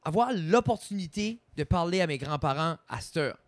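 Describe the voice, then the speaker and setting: Guy on a podcast, kinda high voice, teasing, dry close mic. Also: animated, normal speed, dry recording. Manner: teasing, mixes English into French. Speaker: podcast co-host. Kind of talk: casual chat.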